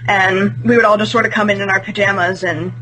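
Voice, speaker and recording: Bright-voiced young woman, laughs often. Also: mid-range voice, fairly quick, rough recording. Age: 20s. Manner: laughs often, relaxed and candid. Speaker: guest. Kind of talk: casual podcast chat. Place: at home on a call. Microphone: video call.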